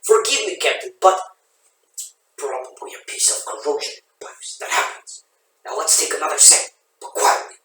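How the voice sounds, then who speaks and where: A man voicing a calm, authoritative male submarine captain who speaks in a hushed, controlled way. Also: a little high, moderate pace, slight background noise, close to an everyday voice. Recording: echoey room, voice from a distance.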